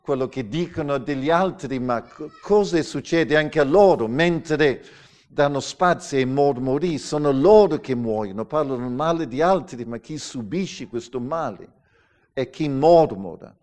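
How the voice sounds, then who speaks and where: A middle-aged man, a pastor, preaching a sermon with emphatic declarations and hushed asides. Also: mid-range voice, lively intonation, a little slow.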